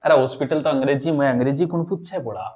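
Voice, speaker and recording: A man's voice: medium pitch, fast, a little mellow. A man with a Rajasthani accent teaching an exam-prep lesson, quizzing his students and moving between Hindi and local dialect. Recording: dull lo-fi recording.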